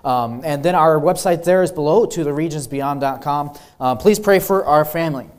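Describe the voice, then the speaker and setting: Earnest young missionary man, mid-high voice. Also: normal speed, a little mellow. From Peru. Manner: earnest, with frequent ums and apologies. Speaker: missionary speaker. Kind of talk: church missions presentation. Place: church sanctuary.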